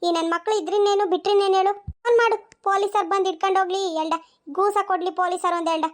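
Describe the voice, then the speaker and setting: A woman's voice: extremely high pitch, steady tone, very fast. A woman voicing an angry village woman who demands that a troublemaker be handed to the police, in a cartoon. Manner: indignant, lecturing.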